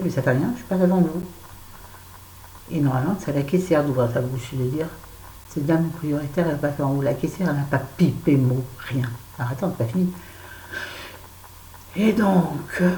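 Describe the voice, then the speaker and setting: A woman with a low, mellow voice chats to her viewers as a beauty vlogger. She is blunt and self-mocking, with lively asides. The sound is roomy with a faint hiss behind it. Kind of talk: casual chat to camera. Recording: echoey room with faint background noise.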